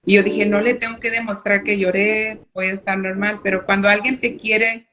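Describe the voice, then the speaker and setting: A woman's voice: mid-range voice, level tone, normal speed, sharp tone. A woman giving a personal faith testimony as a radio guest, hesitant and with frequent filler words. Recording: muffled radio recording with background noise.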